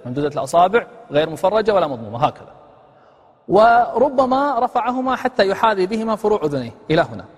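A husky-voiced man gives a religious lesson at a brisk clip. He asks his listeners questions and then demonstrates the phrases he teaches. His voice rings out with a long, lingering reverb. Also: on the high side, a little mellow.

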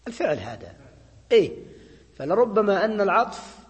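A man's voice: high voice, sing-song, fairly quick, long reverb tail. A man giving a classroom grammar lecture. He explains step by step, repeats his points and keeps checking in with students. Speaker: Arabic grammar teacher.

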